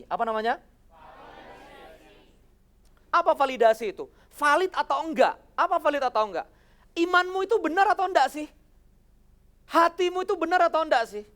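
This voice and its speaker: A motivational religious speaker, giving an animated talk on television, firing rhetorical questions and acting out quoted voices. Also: sits high, normal speed, pauses often. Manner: addresses the audience as friends.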